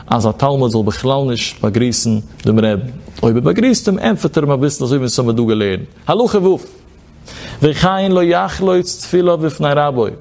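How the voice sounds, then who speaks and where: A man's voice: fairly high pitch, darkish tone. A man teaching a religious legal text in a lecture, quoting short Hebrew phrases and then explaining each one in his own words.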